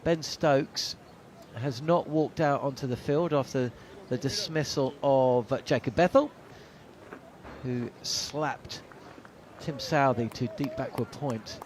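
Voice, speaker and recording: Slowly and in a mid-range voice, a middle-aged man does ball-by-ball cricket commentary from a commentary box over slight background noise. He's chatty, blending play calls with rambling stories and plenty of "uh" fillers.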